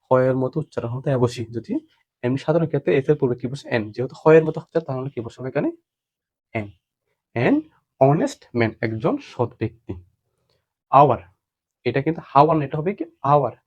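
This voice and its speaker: A man's voice: medium pitch, animated, quick pace, long pauses, a little mellow, breathy edge, dull audio. Male teacher quizzing through a lesson. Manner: repetitive question-and-answer teaching. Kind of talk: grammar lesson explanation.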